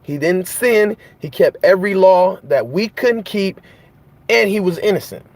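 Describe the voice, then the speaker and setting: Impassioned preaching man, higher voice. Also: animated, measured pace, dry recording. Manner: impassioned, repetitive, rhetorical questions. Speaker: host. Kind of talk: preaching monologue.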